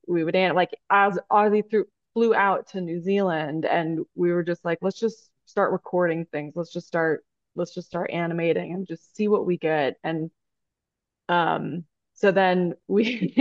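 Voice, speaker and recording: A woman's voice: on the low side, steady tone, unhurried, no echo. A woman guest telling a long story in a casual interview, rambling with many fillers and restarts. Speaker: guest, stop motion animator. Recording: dry, dull lo-fi podcast audio.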